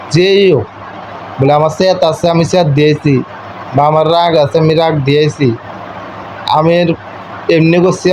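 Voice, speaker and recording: Heard through a muffled call with faint noise, a young husband with a fairly high, darkish voice argues with his wife. Speaking an eastern Bengali regional dialect, he lectures her informally, domineering and insistent, saying the same things over and over.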